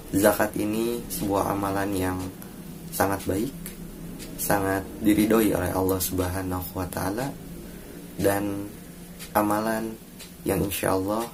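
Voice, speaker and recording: Earnest young Indonesian man, low and flat. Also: background noise. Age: young adult. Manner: formal, earnest, measured delivery with pauses between phrases. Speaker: university student presenting a course assignment. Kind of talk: read-aloud presentation.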